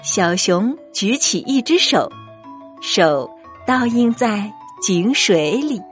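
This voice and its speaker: Female storyteller, animated intonation, slow pace, children's narration, soft background music. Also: medium pitch.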